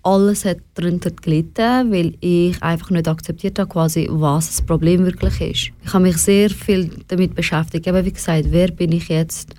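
Her voice is on the low side, steady and warm, at a moderate pace, as this young woman talks openly and thoughtfully as an interview guest. She is from Switzerland, of Afghan family, has a Swiss German accent and mixes in English words during the personal conversation.

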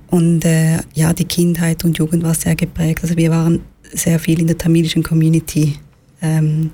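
Husky-voiced Swiss woman, calm. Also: fairly low pitch. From Switzerland. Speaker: social worker and victim support counselor. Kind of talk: radio talk show guest.

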